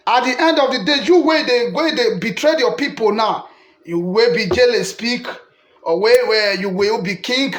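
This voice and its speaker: A man's voice: extremely high pitch, normal speed, a bit bright, roomy sound. A man with a Nigerian accent delivering an impassioned political monologue in Pidgin, quoting scripture and repeating himself. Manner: preachy, quotes scripture, repetitive.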